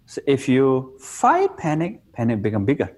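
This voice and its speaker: A man from Nepal, a meditation teacher, tells playful stories about meditation during a relaxed interview, using simple, broken English with a Nepali accent. His mid-range voice swoops wildly in pitch at a normal speed, slightly mellow with a breathy edge.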